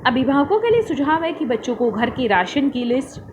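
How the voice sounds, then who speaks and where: A woman's voice: sits high, sing-song, lo-fi sound, background noise. A woman teaching young children in an online lesson, calling them fondly and stretching out words as she drills pronunciation. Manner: slow, drawn-out pronunciation drills; addresses children fondly as "beta".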